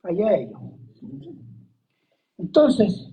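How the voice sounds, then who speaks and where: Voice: medium pitch, mellow. A Chilean preacher giving a conversational Bible study sermon, who keeps asking the audience questions and coughs often. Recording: dull lo-fi recording.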